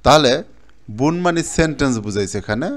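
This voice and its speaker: Male teacher from Bangladesh, mid-pitched, casual, repetitive classroom explaining. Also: animated, brisk. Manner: repetitive explaining, points at the board, mixes in English terms. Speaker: Japanese language teacher. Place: training center classroom.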